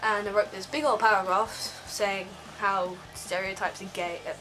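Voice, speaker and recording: A woman's voice: medium pitch, fairly even intonation, normal speed, a bit bright, faint music behind, rough recording. A teenage girl ranting casually in a vlog from her bed, rambling with lots of ums. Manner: rambling, filler-heavy, frequent ums. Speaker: vlogger.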